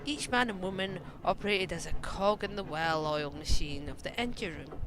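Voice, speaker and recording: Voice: mid-range voice, moderate pace, noisy background. A streamer on a live broadcast, reading the text of a story game aloud and breaking off to chat with viewers about which option to pick.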